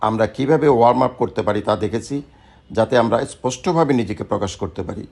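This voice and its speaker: A man's voice: fairly low pitch, fast talker, vocal fry, a little mellow. A man teaching a voice lesson, explaining articulation and demonstrating drills with repeated syllables and lip trills. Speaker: voice coach. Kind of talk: instructional voice lesson.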